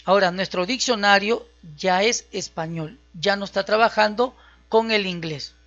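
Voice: mid-range voice, moderate pace, fairly bright tone. An instructor talks through a computer tutorial step by step and keeps checking that listeners are following. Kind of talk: screen-recorded software tutorial. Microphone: voice-over on a screen recording. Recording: slightly dull, lo-fi audio.

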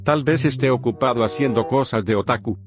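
A man plays a curious young sidekick in a cartoon comedy. He, slangy talk and a medium pitch, with clear music behind. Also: a little fast, close to an everyday voice. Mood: worried. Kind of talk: animated comedy dialogue.

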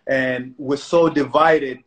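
A man's voice: mid-range voice, steady tone, takes it slowly, a bit bright. Man telling stories on a livestream. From South Sudan. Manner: storytelling, many restarts and "you know". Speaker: co-host. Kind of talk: casual chat on a livestream. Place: indoor room at home. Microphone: phone camera video call.

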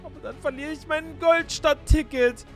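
A young man narrating a game role-play to his viewers with excitable, surprised exclamations. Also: very high-pitched, moderate pace, over music. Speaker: YouTuber playing through a Minecraft role-play.

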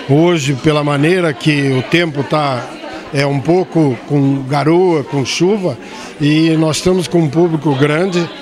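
Farm owner, 50s, male, halting and filler-heavy, interviewed at a busy gathering. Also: fairly high pitch. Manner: hesitant, with many fillers. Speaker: farm owner hosting the event. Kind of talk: on-site interview. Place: indoor hall at a farm event. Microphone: handheld mic held by interviewer. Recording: crowd chatter behind.

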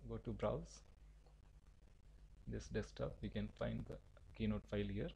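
Low, gravelly man walking through software steps. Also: slight background noise, poor audio. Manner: halting, stepwise instructions with frequent restarts. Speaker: software instructor. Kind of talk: screen-recorded software tutorial.

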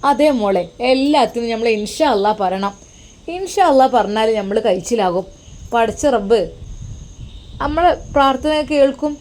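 A tender old mother with a lilt, as a woman storyteller puts her on, talking softly and kindly like a storybook elder. Her voice sits a little higher than usual for a woman, with a soothing, motherly manner. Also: expressive, moderate pace, close to an everyday voice. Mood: advising. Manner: gentle, soothing, motherly advice.

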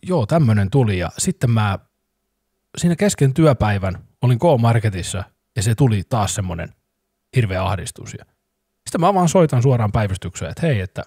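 A man in his thirties, co-hosting a podcast, telling stories in a lively way and laughing often. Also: lowish voice, husky, dry recording, clean studio sound. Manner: animated storyteller, laughs often. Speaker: podcast co-host. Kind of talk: casual chat.

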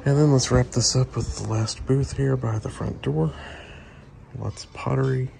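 Shop noise fills the background as an antique booth owner walks through a large indoor antique mall, recording on a handheld phone camera. He narrates casually in a relaxed, chatty, steady manner, his mid-range, gravelly voice moving at a moderate pace.

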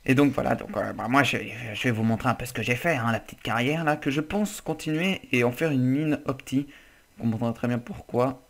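A man's voice: mid-range voice, a little fast, vocal fry, fairly bright tone. Chatty man joking through game commentary. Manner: chatty, loose and joking, swears casually. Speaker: gaming channel host.

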